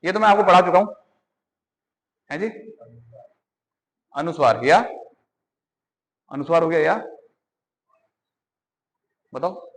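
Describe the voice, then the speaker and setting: A man's voice: on the high side, lively intonation, slow pace, long pauses. A man teaching a class, quizzing students and repeating the answers. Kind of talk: classroom lecture. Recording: hall reverb.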